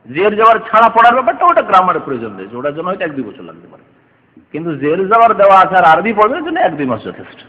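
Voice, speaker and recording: A man's voice: sits high, wildly swooping pitch, very fast. A man preaching a sermon, explaining Arabic phrases and asking his listeners rhetorical questions. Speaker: Islamic preacher. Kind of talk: sermon lecture. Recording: dull lo-fi recording with long hall reverb.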